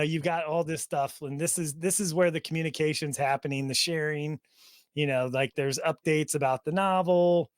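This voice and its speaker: A man with a fairly high speaking voice hosts a fan podcast in loose, casual chat. He rambles through plenty of fillers and laughs often as he walks listeners around an online community. The sound is dry and close, with no room around it. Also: no room sound. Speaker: podcast host. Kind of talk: casual chat while touring a chat server on screen.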